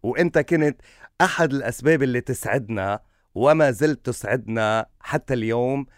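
Fast-talking male radio host. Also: medium pitch, no echo, studio quality. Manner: effusively courteous and complimentary. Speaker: radio host interviewing a guest. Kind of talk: warm, informal radio interview. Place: close, dry radio studio.

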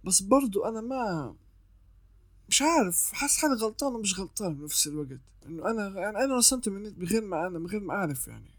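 A man's voice: high-pitched, very animated, very fast, no echo. A man, an artist giving casual advice on freelancing, explaining step by step and often restarting his sentences.

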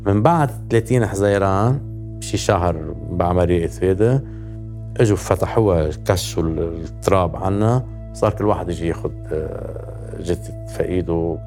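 A man's voice: deep voice, moderate pace, darkish tone, soft background music. A Lebanese-accented man recounting his own experience in conversational testimony. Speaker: interviewee recalling war experience. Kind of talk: personal testimony, conversational storytelling.

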